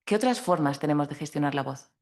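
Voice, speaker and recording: A woman from as a communication trainer, giving a practical, lively talk that speaks directly to an audience in a conference hall. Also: low-pitched, fast. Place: conference hall at a law association.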